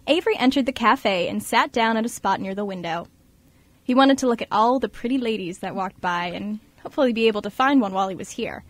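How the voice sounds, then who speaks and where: On a student radio show, a young woman works the board and narrates scripts in a casual way from the studio. She speaks quickly in a medium pitch, and the recording is dry.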